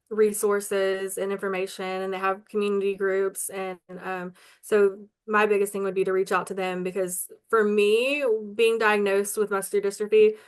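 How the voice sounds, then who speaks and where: Earnest, smooth-voiced woman interviewee. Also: mid-range voice. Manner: earnest, chatty, many ums and likes. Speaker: local advocate interviewed as guest. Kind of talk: casual interview answers.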